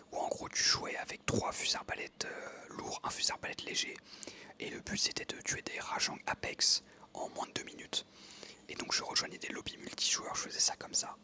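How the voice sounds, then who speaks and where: A soft, unvoiced whisper carries this young adult ASMR creator's wandering story, which is sprinkled with fillers.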